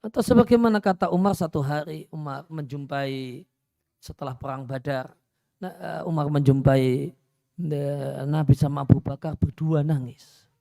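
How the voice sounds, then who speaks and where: A man preaching a religious study lecture in a conversational way, repeating phrases, dropping in Arabic, and often pausing on "ya". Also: on the high side, vocal fry, warm tone, no room sound, studio quality. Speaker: Islamic preacher.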